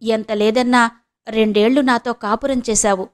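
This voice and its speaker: A frail old man, read by a woman who speaks in soft, pleading tones. He sounds humble, as if he is asking for help he knows he may not get. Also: a little high, fairly even intonation, normal speed, natural voice.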